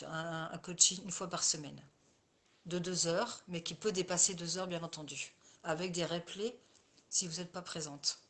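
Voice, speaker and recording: A woman's voice: fairly low pitch, fairly bright tone. French coach woman, chatty and repetitive. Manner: repetitive, circling back over phrases; speaks directly to viewers by name. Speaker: coach and therapist. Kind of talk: casual live coaching talk.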